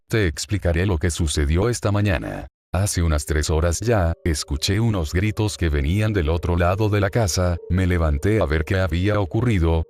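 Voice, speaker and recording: A man narrating creepypasta horror stories aloud at a steady, even reading pace. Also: low-pitched.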